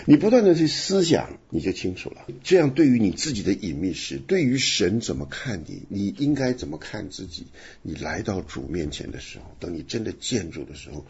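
Male radio Bible teacher, emphatic with rhetorical questions, lively delivery, dull lo-fi sound. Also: sits low, fairly quick, vocal fry, hardly any pauses, husky. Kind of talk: radio Bible study discussion.

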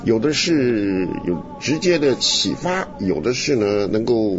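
Lively teasing male radio host. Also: lowish voice, measured pace, muffled recording, music in the background. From Henan, China. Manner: lively, teasing, laughs often.

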